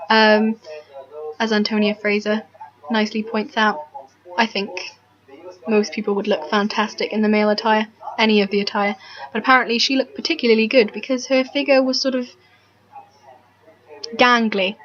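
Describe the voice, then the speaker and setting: A woman's voice: mid-range voice, little pitch movement, moderate pace, pauses often, fairly bright tone, highs cut off. A woman rambling casually about history to camera, self-deprecating, full of ums and restarts, sounding tired in the early morning. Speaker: history vlogger.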